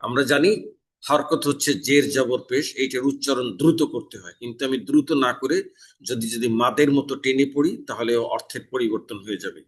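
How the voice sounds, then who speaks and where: A man from Bangladesh teaching Quran recitation rules in a mosque, his pitch sitting at an ordinary middle height. He explains each recitation error plainly, then stretches the verse examples out slowly and deliberately. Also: steady tone, breathy edge. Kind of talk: tajweed lesson with recited examples. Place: mosque in Dhaka.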